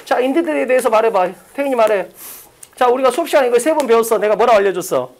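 A woman's voice: on the high side, animated, rapid-fire, darkish tone. A woman teaching an English exam-prep class live in a classroom, firing off rhetorical questions and bluntly pushing her students. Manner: blunt, teasing, occasionally crude. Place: classroom with blackboard.

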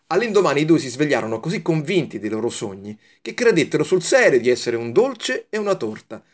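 A man narrating a children's storybook in a calm, even storytelling delivery. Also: mid-range voice.

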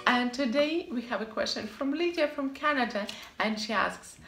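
A vlog host gives scripted tips on living abroad to camera, upbeat and emphatic, repeating short punchy answers. Her voice is a little high, expressive and fairly bright at a normal pace, in an echoey room with faint ambience and some music behind.

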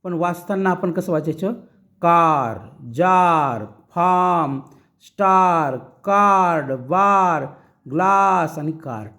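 A man with a Marathi accent teaching English vowel sounds, sounding out each word slowly and deliberately. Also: high-pitched, sharp tone. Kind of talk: slow spoken lesson.

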